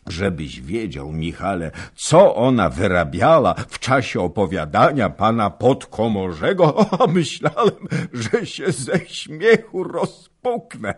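A sly, boastful old nobleman, as a man reads him, drawling and chuckling. His voice is deep, husky, and lively in pitch. Storybook reading. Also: slow, full character voice. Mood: jovial.

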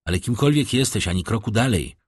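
A man's voice: lowish voice, expressive, fast talker, slightly rough, no echo, studio quality. A man voicing a brave, stern young male guard in an audiobook, speaking in a firm, commanding way.

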